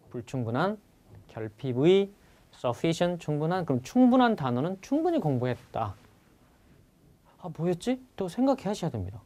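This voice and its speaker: A man's voice: a little high, darkish tone. A man teaching an exam-prep vocabulary lecture who keeps asking his students questions and repeats each key word.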